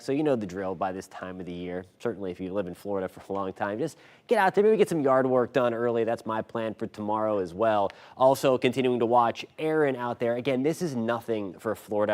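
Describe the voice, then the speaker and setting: A man's voice: medium pitch, a little mellow. An American man delivering a live local TV weather forecast in an informal, folksy, conversational way.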